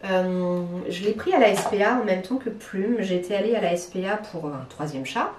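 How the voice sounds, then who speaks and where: A chatty woman from France talks casually to camera, pausing often and restarting her sentences. Her voice sits at an ordinary middle pitch and carries the echo of her living room. The camera picks her up from a few steps away. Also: expressive, background noise. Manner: chatty, hesitant, many fillers and restarts. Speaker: plant vlogger. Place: living room at home among plants. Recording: roomy, from a distance.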